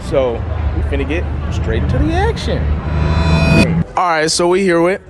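A young man hosting a casual street interview outdoors at night, talking loud, hyped and slangy. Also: high-pitched, wildly swooping pitch, measured pace. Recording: loud music over street noise.

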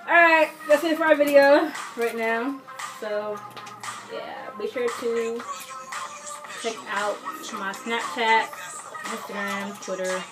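A woman's voice: fairly high pitch, slow, loud music behind the voice, low-quality recording. A young woman hosting a challenge video in casual chat to the camera.

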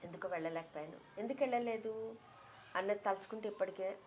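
A middle-aged woman as an interview guest, telling a personal memory with heartfelt emotion and softening her voice when she quotes others. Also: mid-range voice, fast, a little hiss or hum. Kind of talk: reminiscing in an interview.

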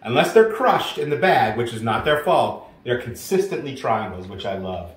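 A man hosting a casual snack review at home, playful and quick to laugh. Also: medium pitch. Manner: playful, animated, laughs often. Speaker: host of a snack review show. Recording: roomy echo.

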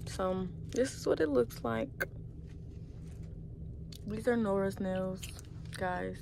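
A woman's voice: medium pitch, takes it slowly, creaky, noisy background. A young woman talking casually to her phone camera, chatty and slangy, swearing freely. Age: young adult. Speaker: vlogger. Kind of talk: casual vlog chat. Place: store fitting room, car, crowded outdoor fair. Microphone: phone held close. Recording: loud music and crowd behind at the fair.

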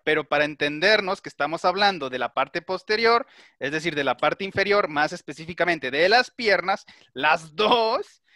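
A man's voice: a little high, pushed and bright, no echo, clean studio sound. A middle-aged man teaching an online class, explaining step by step and checking that his students follow.

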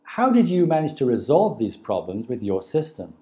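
A man's voice: medium pitch, sing-song, moderate pace, warm tone. A man in his fifties hosting a scripted broadcast interview in a TV studio, speaking into a lapel mic. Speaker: interviewer and programme host.

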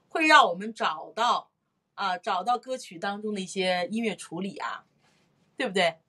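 A middle-aged woman vocal teacher giving a live-streamed singing lesson, repeating phrases and sounding out rhythms. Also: medium pitch. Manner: lively, repeats phrases, sings and claps out rhythms.

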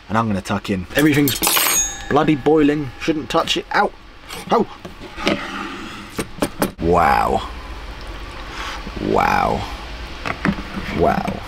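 A young man chatting excitedly to camera as a van life vlogger inside his small camper van. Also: mid-range voice, gravelly, noisy background. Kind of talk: casual vlog narration to camera. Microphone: camera held or set close.

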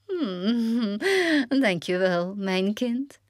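A wicked old witch from a storybook, played by a woman with a Flemish accent, pitched high above a normal speaking voice and drawn out slowly. She wheedles and cackles in a shrill, strange timbre, then screeches her threats loudly. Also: animated, no room sound, clean studio sound. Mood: sweetly scheming.

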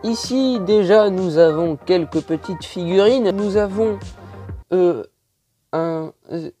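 Slow, hesitant man with a French accent. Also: high voice, music in the background. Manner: hesitant, many fillers, chatty detail. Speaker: toy reviewer. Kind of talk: casual toy review.

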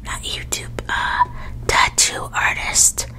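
Woman whispering slow, halting close-up ASMR. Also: bright, forceful tone. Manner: whispering, unvoiced, breathy. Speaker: ASMR video creator showing a perfume collection. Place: small indoor room at a desk. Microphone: large desktop USB microphone, very close.

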